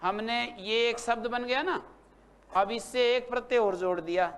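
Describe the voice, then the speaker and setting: The Sanskrit grammar teacher's voice is very high, a bit bright, and clean. He quizzes his students patiently in the classroom lecture, reciting and repeating word forms slowly, one at a time.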